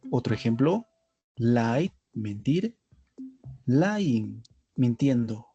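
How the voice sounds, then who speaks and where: A man's voice: medium pitch, warm tone. A man narrating a scripted language lesson, spelling out letters and pairing each word with its translation. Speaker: English teacher.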